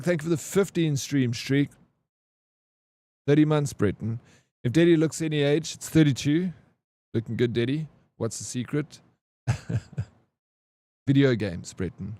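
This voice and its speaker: A man's voice: mid-range voice, darkish tone, no echo. A man in his forties chatting casually with his live-stream chat, joking and answering comments. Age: 40s. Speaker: game streamer.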